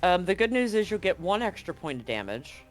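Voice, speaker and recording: Speaking at medium pitch over a rough recording, this home-based game master hosts a live tabletop horror session. Faint background music accompanies his easygoing jokes, which give way to slower, vivid scene narration.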